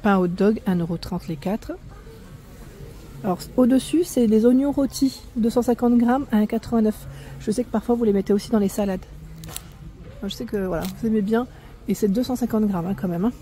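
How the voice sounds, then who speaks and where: This vlogger walks through a food discount store showing prices, her mid-range voice brisk and mellow. Chatting as she goes, she reads out prices and weights and corrects herself at times.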